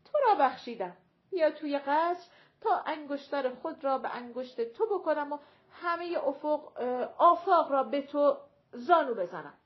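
Woman doing a shrill bossy old woman. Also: animated, highs cut off. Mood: haughty. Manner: commanding, threatening.

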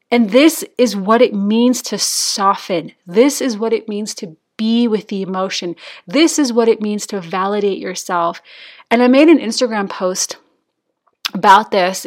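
A woman talks in a soft, earnest monologue, turning inward and confessional as she reflects. Her voice sits at an ordinary middle pitch for a woman, neither high nor low. She sounds like a host speaking straight to her listeners.

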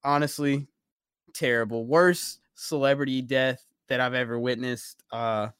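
A man's voice: medium pitch, unhurried, smooth, dry recording, clean studio sound. A young man hosting a casual podcast, chatting and joking with friends. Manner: laughing, animated banter. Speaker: podcast host. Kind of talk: casual chat.

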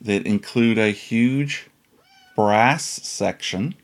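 A man's voice: lowish voice, drawn-out words. A man hosting a podcast in a casual, chatty style. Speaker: podcast host.

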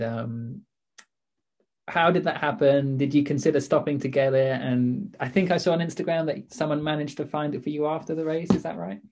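A man's voice: a little high, darkish tone. A man asking informal interview questions in a tentative way, often rephrasing as he goes.

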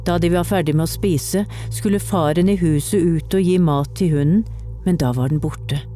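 A woman reading a children's storybook aloud in a clear, steady way. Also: on the low side, soft background music. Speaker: narrator.

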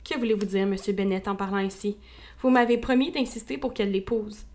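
A woman voicing a fussy, excitable middle-aged mother in a storybook reading, shrill and pleading. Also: a little fast, close to an everyday voice. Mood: insistent.

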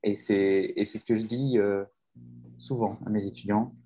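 A man's voice: lowish voice, fairly even intonation, normal speed, warm tone, faint music behind. A man who teaches languages, talking earnestly in a casual conversation, with many restarts and fillers. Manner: earnest, reflective.

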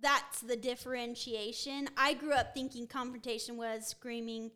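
A woman's voice: on the high side, level tone, normal speed, pushed and bright, clear, resonant tone. A woman talking candidly in a casual group chat, laughing often.

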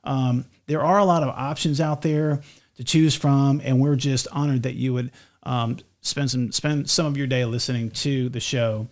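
A man's voice: medium pitch, steady tone, normal speed, a little mellow. A man hosting a casual faith podcast, his voice sitting in a middle register. He rambles, restarts his sentences and jokes with his co-host, with a slight lisp. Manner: rambling, self-correcting, joking.

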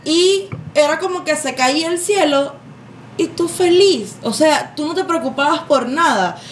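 A woman's voice: high-pitched, expressive, unhurried, a little hiss or hum. A woman co-hosting a casual podcast, talking candidly and at length. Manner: candid, talkative. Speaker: podcast co-host. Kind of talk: casual chat.

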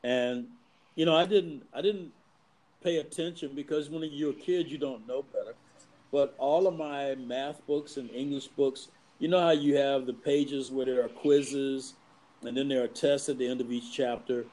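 A man in his fifties from the US East Coast, telling personal stories in a reflective, measured way in casual conversation. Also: mid-range voice, fairly even intonation, dark tone, low-quality recording. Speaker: guest.

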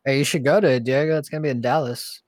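A man's voice: medium pitch, fairly even intonation, very fast, no room sound. Young man hosting, dry close sound. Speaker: podcast host. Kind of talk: casual podcast chat.

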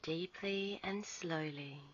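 Slow, soothing woman guiding meditation. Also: fairly low pitch, breathy edge. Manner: soft, slow, soothing delivery. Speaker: meditation guide. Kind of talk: guided relaxation meditation. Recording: dull lo-fi recording.

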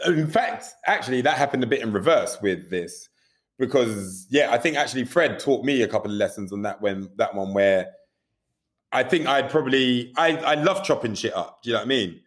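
Talking briskly and animatedly in a medium-pitched voice, a man answers interview questions about directing music videos. He's candid, drops casual swear words, and frequently says "you know what I mean."

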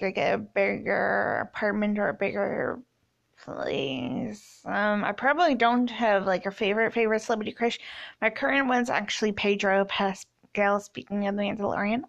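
A Canadian woman in her twenties hosts a solo podcast and rambles through a casual, unscripted intro full of ums and likes. Her voice sits at an ordinary middle pitch for a woman, sounding creaky, with the highs cut off.

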